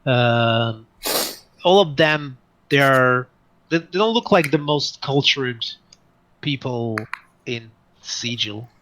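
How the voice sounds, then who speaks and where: Bright-voiced man running a tabletop game. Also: medium pitch, expressive, a little hiss or hum, rough recording. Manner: hesitant, many fillers, slow in places. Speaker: dungeon master.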